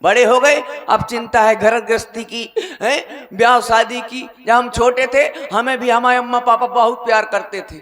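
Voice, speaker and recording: A man's voice: very high-pitched, fairly even intonation, normal speed, few pauses, fairly bright tone, big-room sound. A man performing a self-mocking comic monologue as a stage joker at an open-air village show. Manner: drawling, self-mocking storytelling. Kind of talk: folk stage comedy monologue.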